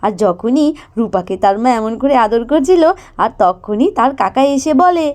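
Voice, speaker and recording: A woman telling a storybook village doll tale and voicing its figures with an emotive, lively delivery. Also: a little slow. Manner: emotive, lively delivery, pitch rising high for cries. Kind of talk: dramatized storybook narration.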